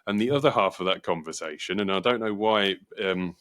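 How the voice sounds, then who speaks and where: An English man hosting a casual podcast, talking in an animated, argumentative way and acting out quoted voices. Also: low-pitched, fairly quick, smooth. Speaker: podcast host.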